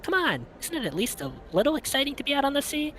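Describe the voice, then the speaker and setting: A man voicing an upbeat, excitable young woman heroine while reading a visual novel aloud, playful and tripping over words. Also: fairly high pitch, a little fast, a little hiss or hum, lightly acted. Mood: excited.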